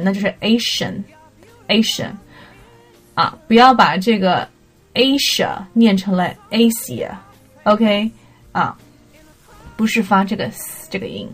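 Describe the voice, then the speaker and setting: A young woman who hosts a podcast and teaches English pronunciation runs a casual lesson, mixing Mandarin with English words and spelling them out letter by letter. Her voice sits on the high side and is a bit bright.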